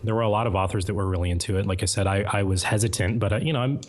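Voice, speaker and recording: Male interview guest, lower voice, measured and hedging, casual chat. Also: darkish tone. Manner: measured, hedging, lots of fillers. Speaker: guest mod author.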